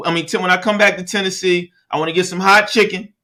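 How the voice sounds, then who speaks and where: A male podcast host chatting in a relaxed, friendly way and trailing off as he searches for words. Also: high-pitched, fast. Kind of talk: casual podcast interview.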